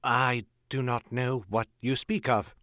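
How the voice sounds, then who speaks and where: A man reading aloud and voicing a terrified captured traitor lord, pleading in a shrill voice. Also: steady tone, takes it slowly, fairly bright tone, no echo, clean studio sound. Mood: whimpering.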